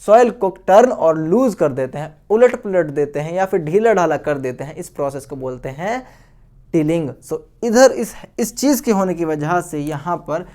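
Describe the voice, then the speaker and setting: A man's voice: a little high, animated, moderate pace, mellow. Man teaching, asking and answering himself. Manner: asks questions and answers them himself; repeats key terms and calls students guys and beta. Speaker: science teacher. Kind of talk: video lecture for school students.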